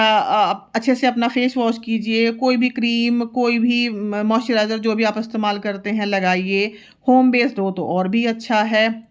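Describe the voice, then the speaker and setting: Casual vlogger mom, homely and chatty, talks viewers through her day step by step. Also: fairly high pitch. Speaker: vlogger, mother. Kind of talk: casual home vlog narration. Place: at home.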